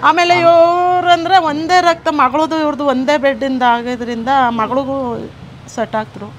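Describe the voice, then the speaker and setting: A woman's voice: sits high, fairly even intonation, normal speed, a little hiss or hum. A middle-aged woman, a restaurant co-owner chatting and chiming in during an interview. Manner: chatty, chiming in over others. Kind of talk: casual interview chat. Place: small roadside restaurant.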